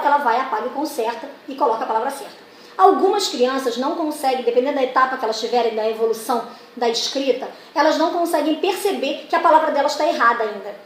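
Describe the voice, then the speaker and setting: Woman, teacher trainer, high voice, patient explanations, echoey room. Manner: explains patiently with many examples, acts out classroom questions. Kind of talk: explanatory lesson. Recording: echoey room with faint noise.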